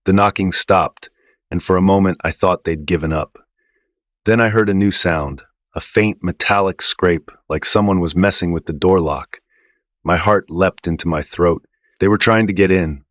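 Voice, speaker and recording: Man, very low voice, horror narration, dry close recording. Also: moderate pace, dry recording. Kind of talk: scripted first-person narration.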